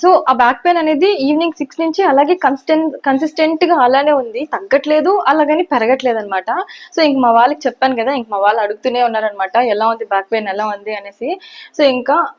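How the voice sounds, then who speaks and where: Young woman vlogger, brisk chatty storyteller, slightly high voice, dull lo-fi audio. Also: a little mellow. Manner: chatty, rambling, repeats "anamaata" often. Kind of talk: casual first-person storytelling. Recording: dull lo-fi sound.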